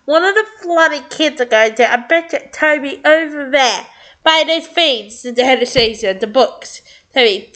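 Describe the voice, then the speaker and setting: A woman reading a script aloud in an excited, giggly way, stumbling over words and stopping to react. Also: high voice. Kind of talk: excited read-through with commentary.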